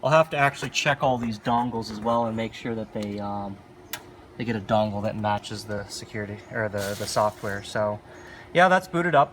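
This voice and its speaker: The speaker is a man who makes arcade machine videos as a hobby, offering offhand, unscripted commentary and often muttering to himself as he handles equipment. His voice is on the low side with a fairly bright tone, and there is slight background noise.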